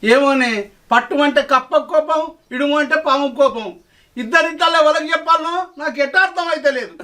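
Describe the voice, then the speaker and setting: A man's voice: very high voice, brisk, sharp tone. A man playing a weary, placating village husband. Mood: exasperated. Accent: Telangana Telugu. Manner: placating, exasperated. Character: weary, peace-keeping village husband and farmer. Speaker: village father-in-law. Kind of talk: village short-film acting. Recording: background music under dialogue. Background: film music.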